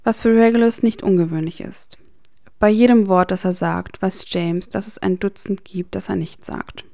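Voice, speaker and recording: A woman reading fan fiction aloud as an audiobook, in steady storytelling narration. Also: medium pitch, normal speed, gravelly, dry recording, studio quality. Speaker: audiobook reader.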